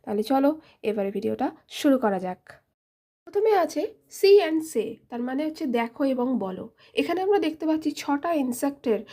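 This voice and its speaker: Lady teacher, high voice, spells out words slow for little kids. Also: mellow. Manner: spells words letter by letter and repeats them slowly; friendly, speaks directly to children. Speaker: teacher and channel host. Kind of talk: children's English lesson.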